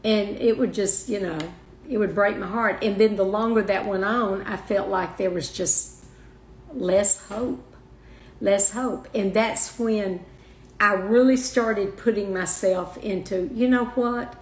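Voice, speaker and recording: An older woman speaking as a guest in a heartfelt interview, soft and halting, often restarting her sentences. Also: medium pitch, steady tone. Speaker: guest, mother of the host. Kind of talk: emotional personal interview. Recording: roomy echo.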